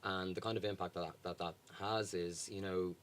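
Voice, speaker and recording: A man's voice: sits low, steady tone, moderate pace, slight background noise. A young man with a Dublin accent, a charity guest talking casually in an interview with many ums and restarts. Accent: Irish, Dublin. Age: young adult.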